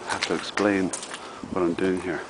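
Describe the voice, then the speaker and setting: A man filming himself outdoors while exploring an abandoned site, giving a hushed, nervous running commentary and short of breath. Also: low-pitched, little pitch movement, moderate pace. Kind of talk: handheld exploring vlog. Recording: loud wind noise outdoors.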